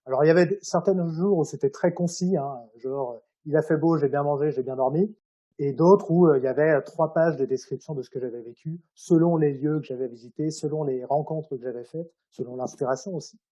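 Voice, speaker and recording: A man's voice: fairly high pitch, fairly quick, warm tone. A man speaking informally and hesitantly as an author being interviewed. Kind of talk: casual interview, telling anecdotes about his own writing.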